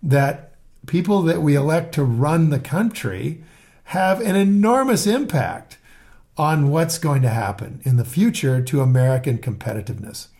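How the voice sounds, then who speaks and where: Older guy teaching investing on a podcast, rambly, kinda higher voice. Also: expressive, normal speed, a little mellow. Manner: earnest, rambling, self-correcting. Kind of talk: casual podcast chat.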